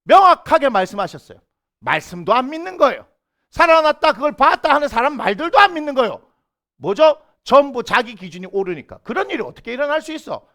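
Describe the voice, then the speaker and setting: A man's voice: very high-pitched, very animated, fairly quick, pushed and bright. A middle-aged man, a senior pastor, preaching a sermon in a church. He asks the congregation questions and briefly acts out the voices he quotes. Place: church sanctuary.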